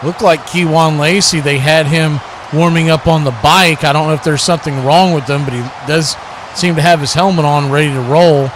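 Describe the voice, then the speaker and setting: Calling live football for an online watch party stream, this American announcer uses clipped short phrases for every play. His voice is on the high side, steady, and moderately paced, and background noise is clearly audible.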